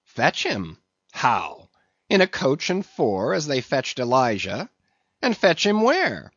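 A man voicing a brash, bossy whaling ship's mate in a storybook, teasing and interrogating loudly. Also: medium pitch, huge pitch swings, takes it slowly, dry recording, dull audio, voice pushed up, heavily acted. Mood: mocking. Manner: loud, teasing, interrogating, swooping exclamations.

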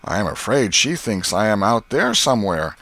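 A man's voice: lowish voice, very animated, normal speed, fairly bright tone, no room sound, full character voice. A man voicing an earnest, pious Sunday school superintendent with a peculiar sing-song speaking tone, raised well above his own voice. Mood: sugary, coaxing. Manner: sing-song sanctimonious speech intonation.

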